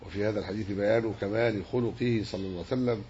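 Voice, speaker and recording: A man teaching a religious lesson, measured and explanatory as he works through a hadith commentary. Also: lowish voice, steady tone, dark tone. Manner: measured, explanatory, dwells on word forms. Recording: dull lo-fi recording with faint hiss.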